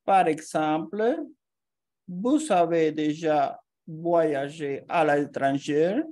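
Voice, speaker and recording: Female language teacher, lowish mellow voice, very slow, careful delivery of scripted examples. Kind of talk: slow scripted grammar lesson.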